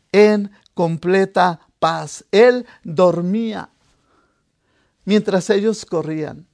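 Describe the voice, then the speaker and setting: A man preaching a sermon, telling a story dramatically and swinging from hushed lines to shouted ones. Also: high voice. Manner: dramatic, acting out the disciples' voices.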